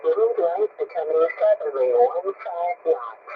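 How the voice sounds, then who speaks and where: A man reading a marine weather broadcast in a slow, measured way, received over a shortwave radio. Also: high voice, very animated, creaky. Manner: slow, measured, listing numbers. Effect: heard through a shortwave receiver tuned to a marine broadcast. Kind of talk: automated marine forecast reading. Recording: muffled shortwave radio with loud static.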